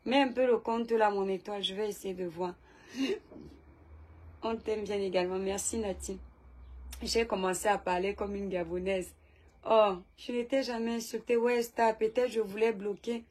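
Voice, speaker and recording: A woman's voice: mid-range voice, fairly even intonation, moderate pace, darkish tone. A woman from Cameroon, hosting a casual live stream, chatting and answering viewer comments read aloud from her phone. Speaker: live-stream host and seller.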